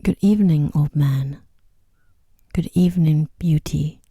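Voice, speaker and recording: A stern, courteous storybook Beast, voiced by a woman in a low register. The tone is extremely soft and dark, measured and formal, captured very dry and close. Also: slightly rough, no echo, exaggerated voice. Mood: formal, pleased. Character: commanding male Beast, stern but courteous. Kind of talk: softly read fairy-tale bedtime story.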